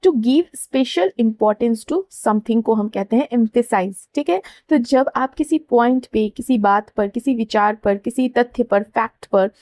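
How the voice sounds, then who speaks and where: A woman teaches vocabulary in a patient, repeating way, often pausing to check understanding. Her voice sits a little high and sounds soft and mellow. The recording is close and dry, with no room sound. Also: dry recording. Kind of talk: explaining word meanings.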